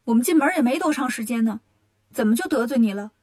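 A woman's voice: a little high, expressive, fast, a little mellow. A woman voicing a bold, brash monkey king hero in a storybook reading.

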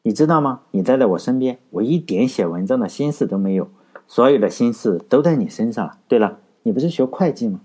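A man's voice: mid-range voice, expressive, brisk, mellow, husky. Man doing an earnest, doting young writer.

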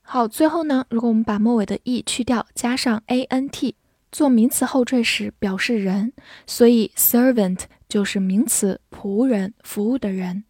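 Clear, patient woman teaching vocabulary. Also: a little high, warm tone, dry recording, studio quality. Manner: clear, patient spelling out of words, slow model readings. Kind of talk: vocabulary lesson.

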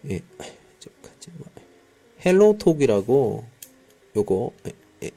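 A man's voice: medium pitch, big pitch swings, slow, mellow, husky. A man teaching a conversational online language class, mixing with Mandarin words and often murmuring short acknowledgments. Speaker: Korean language teacher hosting a live class. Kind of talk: conversational online lesson with learners.

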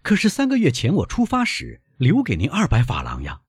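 A man doing a devoted young sailor son, raised high and pressing, husky, very dry close read. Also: wildly swooping pitch, a little fast, no room sound, exaggerated voice. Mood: dismayed. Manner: pleading, emphatic. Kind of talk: audiobook reading.

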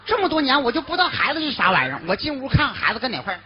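A woman's voice: sits high, sing-song, very fast, a crowd in the background. A woman playing a brash young brother-in-law in a comic stage duet, with a Northeastern Chinese accent and teasing, boisterous banter. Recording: slightly dull recording with faint noise.

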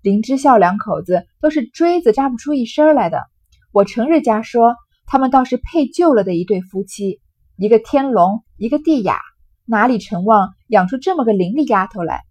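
A woman reading as a brisk, sharp-tongued young noblewoman. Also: fairly high pitch, lively intonation, no echo. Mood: scolding. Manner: brisk, teasing, commanding.

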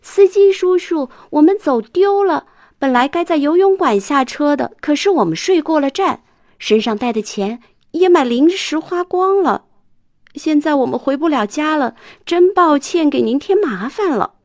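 A woman's voice: high voice, sing-song, normal speed, a little mellow, no room sound, clean studio sound, voice pushed up. A woman doing an earnest young schoolboy. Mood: urgent. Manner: earnest, urgent, pleading. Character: polite, anxious young schoolboy. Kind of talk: children's storybook reading.

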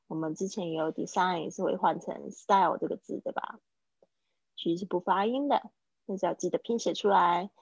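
A woman runs a live online English class in a low, gravelly voice, patiently breaking each phrase down and repeating it slowly. The sound is dull and lo-fi, with a dry, close computer-mic feel and no room echo. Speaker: English teacher. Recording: dull lo-fi dry stream audio.

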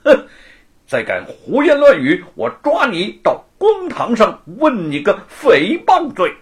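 A man voicing a gloating, sneering young rich lord who taunts and cackles in a high, shrill voice. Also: wildly swooping pitch, takes it slowly, slightly rough, heavily acted. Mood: mocking.

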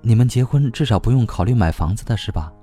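A man reading a novel aloud, voicing a young woman who speaks gently and coaxingly, with a slightly quiet tone. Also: mid-range voice, expressive, quick pace, breathy edge, faint music behind. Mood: downcast. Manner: gentle, coaxing and soft-spoken. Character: cheerful but troubled young woman.

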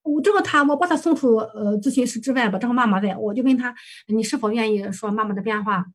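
A woman's voice: fairly high pitch, fast talker, breathy edge. A woman counselor presenting a client case for supervision, recounting session dialogue hesitantly with many fillers and self-corrections.

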